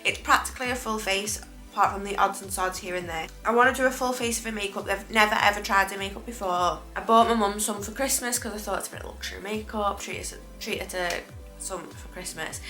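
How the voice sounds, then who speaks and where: A woman's voice: medium pitch, a little fast, sharp tone, soft background music. A British woman chatting casually to camera as a beauty vlogger, rambling and correcting herself, her speech slightly impeded after dental work. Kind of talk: casual makeup review chat to camera.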